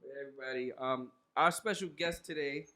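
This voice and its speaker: A man hosting a relaxed podcast, speaking at a middle pitch. He keeps it loose and joking, full of slang and easy banter with his guests. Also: fairly quick. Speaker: podcast host. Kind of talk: casual podcast chat.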